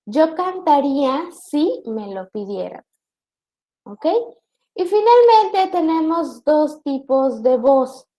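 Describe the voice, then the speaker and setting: A woman's voice: high voice, very animated, slow pace, mellow. A woman teacher giving an online class lecture, explaining patiently and checking in with her students as she goes.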